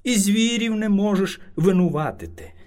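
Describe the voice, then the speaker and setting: A man voicing a small, timid but clever male hare who speaks very politely and flatters. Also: high voice, measured pace, full character voice. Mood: pleading.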